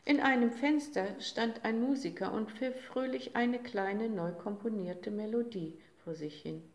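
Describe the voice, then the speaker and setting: A woman reading a children's story aloud, slow and expressive, in a roomy recording. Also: fairly high pitch. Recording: roomy echo.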